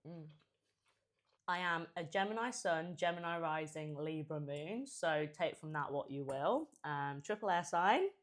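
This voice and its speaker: A woman's voice: deep voice, expressive, moderate pace, few pauses. A woman, chatting casually to followers while eating, chewing as she talks. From Hampshire, England and Japan. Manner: chewing and eating while talking, mouth sometimes full; chatty, informal. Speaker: food content creator. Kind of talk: casual mukbang chat to followers.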